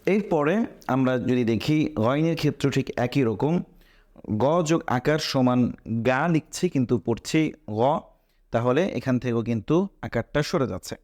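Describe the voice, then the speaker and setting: A man's voice: mid-range voice, a little fast, a little mellow, no echo, studio quality. A man teaching a Quran reading class, patiently repeating each point and answering his own questions. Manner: mixes a few English words into his teaching. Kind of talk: online class lesson.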